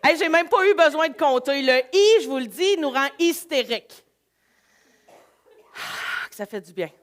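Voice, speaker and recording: A woman with a Québécois accent, leading a live laughter workshop in an energetic, coaxing way. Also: sits high, moderate pace. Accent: Québécois French. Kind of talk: live workshop talk to an audience.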